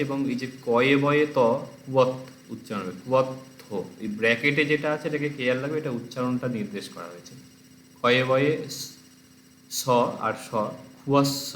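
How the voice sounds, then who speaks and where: A man's voice: mid-range voice, fairly bright tone. Man drilling pronunciation in an echoey room. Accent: Bengali. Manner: slow, careful word-by-word pronunciation drills. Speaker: teacher. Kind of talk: exam-prep lesson, reading word lists aloud. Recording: echoey room, faint background noise.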